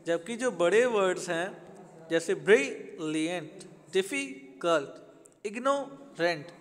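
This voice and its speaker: A young male teacher with an Indian English accent gives a patient grammar lesson to schoolchildren, switching between Hindi and English. His voice sits high and he speaks slowly. The sound rings with a long reverb, as in a hall. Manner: explains patiently, mixing Hindi with English, addressing children. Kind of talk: recorded classroom lesson.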